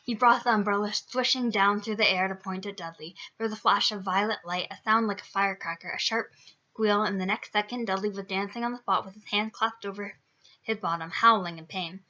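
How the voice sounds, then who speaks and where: Woman podcast host: bright, forceful read-aloud voice, lively laughing banter, lo-fi sound. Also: mid-range voice, brisk. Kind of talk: storybook read-aloud and casual chat. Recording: dull lo-fi recording.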